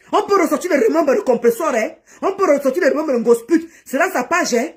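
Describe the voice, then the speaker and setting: A woman on a live stream, confrontationally scolding and insulting someone, swinging between shouting and low muttering. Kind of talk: heated live-stream rant.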